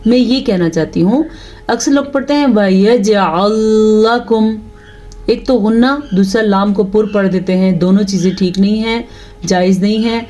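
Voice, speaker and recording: With a warm, medium-pitched voice, a woman teaches tajweed, patiently explaining the rules. She recites her examples slowly and in a drawn-out way.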